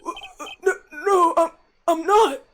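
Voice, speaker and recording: A woman voicing a flustered old male judge who speaks slowly, with a quavering, hesitant delivery. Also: high voice, noisy background. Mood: pompous flustered.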